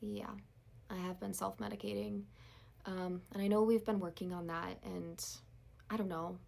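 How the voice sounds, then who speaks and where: Woman playing a hesitant, creaky-voiced therapy client. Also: mid-range voice, level tone, normal speed, darkish tone. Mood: nervous, hesitant. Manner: hesitant, casual, unsure. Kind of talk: therapy role-play to camera.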